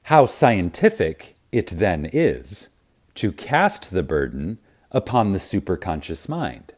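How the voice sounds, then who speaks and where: A man with a deep, low, darkish voice narrates a spiritual teaching audiobook. He reads very slowly and reverently, pausing deliberately, and his pitch rises and falls widely as he stresses key words.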